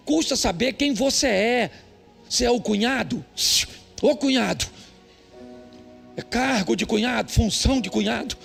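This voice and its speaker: An older male pastor with a Brazilian Portuguese accent, preaching a humorous sermon with jokey, emphatic storytelling and sudden high outbursts. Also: creaky. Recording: faint music behind.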